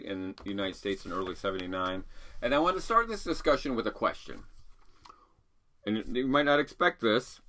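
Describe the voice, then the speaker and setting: A man's voice: lowish voice, sharp tone. Upbeat male music host. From England. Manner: enthusiastic, rambling with fillers and rhetorical questions. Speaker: vinyl show host and sociology professor. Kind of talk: casual music talk to camera.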